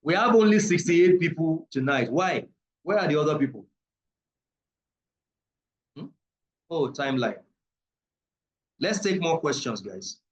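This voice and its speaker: A man's voice: fairly high pitch, animated, a little slow, pauses often, a little hiss or hum, low-quality recording. A man, from Africa, teaching numerology and esoteric ideas in a live online class, taking questions and stressing points by repeating them. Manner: emphatic, repeats key phrases, preacher-like.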